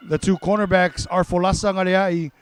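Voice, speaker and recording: A man doing live play-by-play for a high school football broadcast, excitable and quick to correct himself mid-call. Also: smooth, no echo. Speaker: play-by-play commentator.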